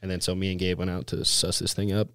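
A man with a fairly low voice chats casually as a guest in a close, dry recording. He tells his stories in loose, laid-back snowboarder slang, leaning on "like" and "dude" as he goes. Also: little pitch movement, fast talker, a bit bright, no echo. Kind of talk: casual chat, storytelling.

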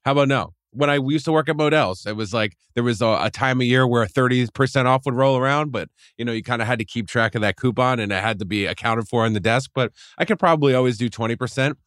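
A man's voice: medium pitch, quick pace, few pauses, a bit bright, no room sound, clean studio sound. A man cohosting a podcast, talking in a casual, matter-of-fact way. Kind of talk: casual chat.

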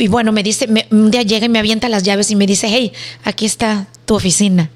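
A woman in her fifties with a Mexican Spanish accent, a guest telling her story in a casual interview and acting out voices as she goes. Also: on the high side. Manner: animated, acts out voices in her stories. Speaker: guest, business owner.

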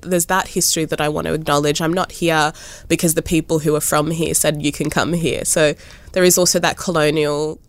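This artist, a young woman with a low voice, comes across as chatty yet thoughtful in a casual conversational interview, with "like" and "you know" cropping up often and lively upward inflections. She was born in Ethiopia and grew up in Kenya and Australia. The audio is dry.

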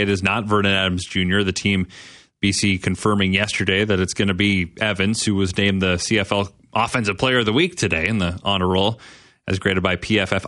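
A man hosting a sports talk show who sets up questions with facts in a measured way. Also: on the low side, fairly bright tone, dry recording, studio quality. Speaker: host.

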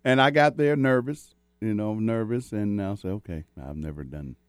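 A man speaking as a guest, telling a story in a soft, rambling way. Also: on the low side, moderate pace, clear, resonant tone, no echo, clean studio sound. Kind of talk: casual chat.

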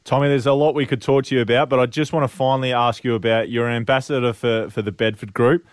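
An Australian man presenting casually on radio. He speaks quickly in a medium-pitched voice, recorded close and dry. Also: steady tone, no room sound. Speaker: radio show co-host, former player.

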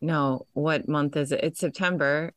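Lowish-voiced woman, groggy podcast co-host. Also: steady tone, a little slow, dry recording, studio quality. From Chicago, United States. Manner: groggy, bantering. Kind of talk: casual chat.

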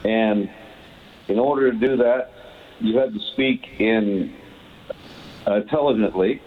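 A man calling in to a sports radio show, talking haltingly with many fillers. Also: on the low side, a little hiss or hum. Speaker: caller. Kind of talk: call-in radio. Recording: tinny phone line.

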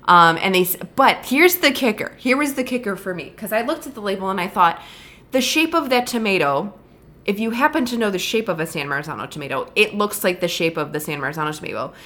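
A woman's voice: medium pitch, lively intonation, a little fast, sharp tone. A woman co-hosting a podcast, telling a story in casual chat with wry, dry jokes. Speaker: podcast co-host.

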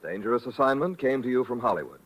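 Formal vintage radio announcer, lively delivery over clear music. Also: male voice, mid-range voice, fast talker, dull audio. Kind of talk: scripted 1950s radio announcing.

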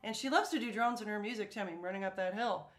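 Casual female panelist, American accent, mid-range pitch, animated conversational delivery. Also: fast talker. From United States. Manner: animated, breaks into sung syllables to illustrate. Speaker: music discussion panelist. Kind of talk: casual chat about folk music.

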